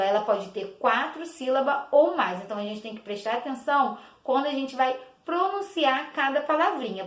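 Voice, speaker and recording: A woman teacher gives a patient children's lesson, clapping out each syllable slowly and repeating words. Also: on the high side. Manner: slow, clapping out each syllable, many diminutives. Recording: echoey room.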